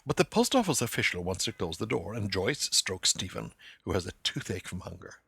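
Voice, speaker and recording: A man hosts a literary lecture podcast with a low, raspy, gravelly voice and a bright, forceful edge. His delivery is animated and swings widely in pitch, now and then breaking into loud acted quotations. The sound is close and dry. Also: fairly quick, no echo. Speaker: podcast host.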